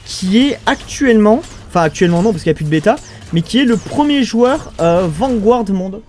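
A young French esports caster with a high, animated, darkish voice casually commentates a strategy game match live at a moderate pace. He chats with viewers in the chat, often trailing off and restarting sentences, over soft background music.

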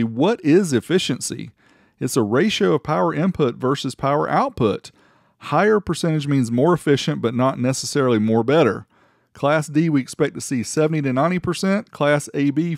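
Playful and showy, a middle-aged American man who runs a car audio amplifier review channel voices a casual product review in an expressive, creaky, slightly mellow mid-range voice at a moderate pace. The studio-quality recording has no room sound, just faint background music behind him.

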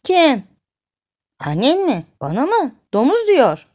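A woman voicing a hard-of-hearing eighty-year-old great-grandmother who scolds and grumbles in a high, strained voice. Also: wildly swooping pitch, slow, a little mellow, heavily acted. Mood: angry scolding.

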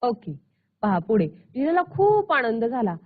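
Slow storytelling woman teacher. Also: a little high, very animated. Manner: asks the children questions, storybook tone. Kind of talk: storytelling lesson for children. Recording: tinny phone-like line.

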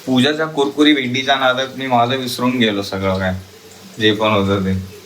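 A man's voice: medium pitch, steady tone, normal speed, a bit bright, a little hiss or hum. A man in his thirties filming a casual family vlog at home, animatedly coaxing and teasing his little daughter. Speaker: family vlogger, father.

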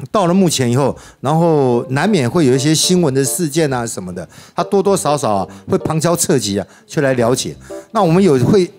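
Lively man telling an anecdote. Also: fairly high pitch, a little hiss or hum. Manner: lively, mimics relatives' questions. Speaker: panel guest. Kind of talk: telling an anecdote on a TV talk show. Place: TV studio.

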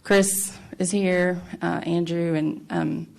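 A woman giving a formal, explanatory staff presentation at a public meeting, speaking haltingly with a creaky voice. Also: on the low side, steady tone, darkish tone. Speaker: city planning staff presenter.

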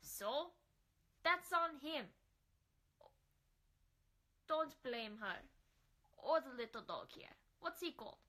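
A woman's voice: sits high, lively intonation, slow, pauses often, sharp tone, full character voice. A woman playing a brash, blunt teenage immigrant boy in amateur scene acting, with a cocky manner.

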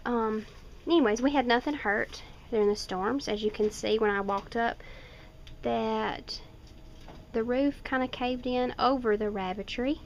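Here a woman with a fairly high, slightly slow voice gives a chatty, rambling tour of her small farm, standing outdoors among the woods near the rabbit hutches. She films herself off camera on a handheld camera mic, using lots of fillers and restarts. The sound is lo-fi, with faint outdoor noise.

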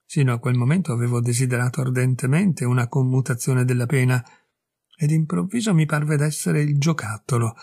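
Guy reading a classic story out loud, gravelly voice, super dry close sound. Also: medium pitch, dry recording. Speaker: narrator.

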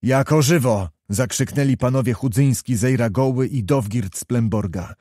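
A man narrating a classic novel as an audiobook reader, in a measured, even reading. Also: medium pitch, no echo, clean studio sound.

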